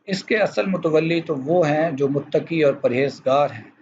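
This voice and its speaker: A man teaching a school class, explaining verses in a formal, measured way and addressing his students directly. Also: on the high side, a little mellow. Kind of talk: recorded classroom lecture. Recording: dull lo-fi recording with faint noise.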